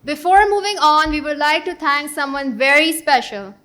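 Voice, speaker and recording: A woman's voice: sits high, moderate pace, a bit bright. A young woman with a Pakistani accent co-hosting a ceremony in a scripted presenting style. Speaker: event co-host.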